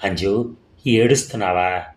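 A man's voice: sits low, measured pace, a little hiss or hum. A man voicing an awkward, evasive middle-aged father with a coaxing manner. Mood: soothing.

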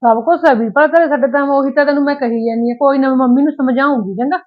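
A woman as a married daughter, Punjabi accent, aggrieved, fast talker, thin phone-line sound. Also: high voice, fairly even intonation, natural voice. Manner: complaining, hurt and emotional. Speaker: married daughter visiting her parents' home. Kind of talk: village short-film acting.

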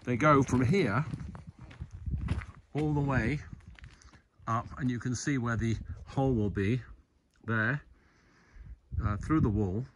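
A middle-aged man filming a casual video diary on his farm. He explains each step, pausing and correcting his own words. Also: medium pitch, slight background noise. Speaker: farm restorer vlogging his progress. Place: old stone barn and farmland, outdoors. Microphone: phone camera at arm's length.

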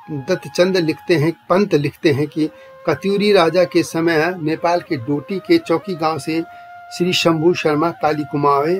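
A male journalist giving a scripted documentary narration, reading out long lists of names and places in a measured way. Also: on the high side. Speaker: journalist narrating a channel's history series.

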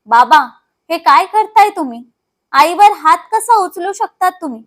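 An outspoken young wife confronts her family with urgent indignation, voiced by a woman narrator. Her voice is high and pressing, and it carries no shouting. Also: normal speed. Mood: indignant. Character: bold young woman, outspoken daughter-in-law.

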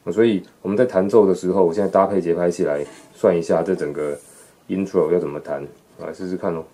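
A man's voice: sits low, steady tone, quick pace, warm tone. A man teaching how to read a sheet of music, explaining patiently step by step, counting beats aloud and scatting through passages.

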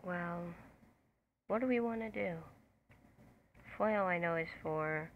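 A woman giving casual gameplay commentary, chatty and quiet, talking to herself close to her mic. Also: lowish voice, slow. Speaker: gaming video creator. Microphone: desk mic close to the face. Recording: dull lo-fi sound with faint background noise.

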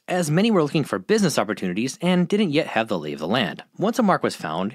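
A man's voice: dry recording, clean studio sound. A man narrating a scripted history explainer in a playful, storytelling manner. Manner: playful, highly animated storytelling with wide pitch swings. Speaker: host of a history fact channel.

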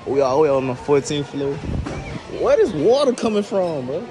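Very animated but unhurried, a young man chats casually and emphatically in slang for his vlog while music plays behind him. Captured on a phone or action camera at arm's length, the audio is noisy and carries an ambient rumble.

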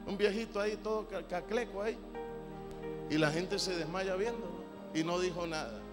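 A man preaching a sermon, theatrical, swinging from shouts to mocking asides. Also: high voice, moderate pace. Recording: long hall reverb with loud music. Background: music.

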